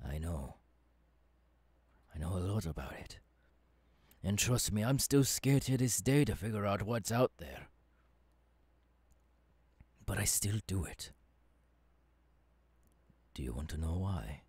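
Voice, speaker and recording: Eager, kindly male professor, played by a man, ASMR roleplay: lowish, husky voice, halting dramatic delivery. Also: animated, darkish tone, no echo, full character voice. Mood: earnest, confiding. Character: eager, kindly male futuristic professor mentoring a new apprentice. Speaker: voice actor, ASMR artist.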